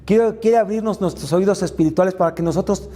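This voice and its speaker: A man's voice: high voice, fast, dark tone, long reverb tail. A man giving a motivational faith talk, retelling Bible stories with frequent filler sounds. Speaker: faith mentor and speaker.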